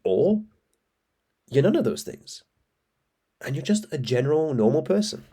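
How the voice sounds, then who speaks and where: A man's voice: fairly high pitch, very animated, measured pace, mellow, breathy edge. A man giving blunt, motivational advice on trading. He swears often, keeps calling his viewers bro, and sounds congested from allergies. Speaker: trading coach. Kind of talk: casual motivational talk to camera.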